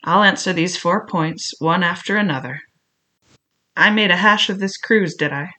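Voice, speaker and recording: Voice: medium pitch, normal speed, bright, forceful tone, lightly acted. A reader voicing a cunning old male pirate cook who mocks his crew in a sly, silky way. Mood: sly scornful. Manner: wheedling, mocking, sly. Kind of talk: audiobook character reading.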